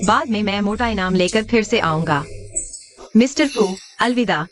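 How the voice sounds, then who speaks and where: An actress dubbing a cool, independent young heroine who is dismissive and self-assured. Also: female voice, medium pitch, lively intonation, normal speed, over music, close to an everyday voice. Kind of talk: dubbed drama acting.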